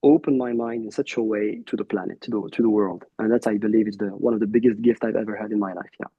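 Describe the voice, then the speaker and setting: A Belgian man whose first language was Arabic appears as a guest in a casual interview, speaking warmly and reflectively but with frequent restarts and fillers. His fairly low, steady voice is fast with a breathy edge, heard on a dry, lo-fi recording.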